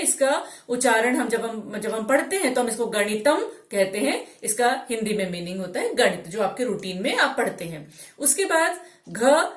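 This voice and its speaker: A woman's voice: fairly high pitch, reverberant. A woman teaching a language lesson, explaining patiently step by step and correcting herself now and then.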